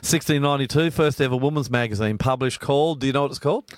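Australian male radio host, colloquial and teasing, deeper than average, tight dry studio sound. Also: very fast, no echo. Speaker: radio show host and pastor. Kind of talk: casual live radio banter.

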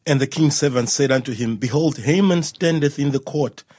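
Husky-voiced man from Malawi, dry sound. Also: medium pitch, dry recording. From Malawi, raised in Zimbabwe. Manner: calm, reads scripture aloud in measured tones. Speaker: co-host and scripture reader. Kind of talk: casual Bible discussion with scripture reading.

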